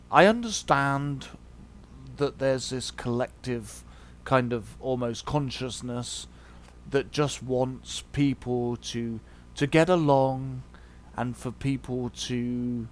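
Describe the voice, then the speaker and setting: A man's voice: medium pitch, a little hiss or hum. A man hosting a video, giving a casual opinion monologue in a hesitant, reflective way. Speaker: video host.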